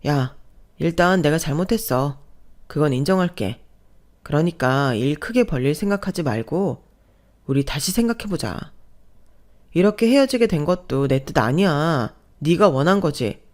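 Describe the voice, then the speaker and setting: A woman's voice: sits low, expressive, normal speed, darkish tone. Woman reading scheming ex-husband man, rude, pushy, radio story. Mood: pleading. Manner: rude, demanding, then pleading.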